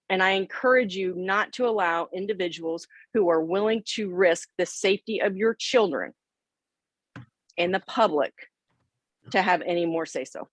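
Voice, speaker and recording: A woman's voice: medium pitch, no room sound. Impassioned woman co-host, close and dry. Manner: impassioned, urging listeners to act. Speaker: victims' advocate podcast co-host. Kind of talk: casual podcast discussion.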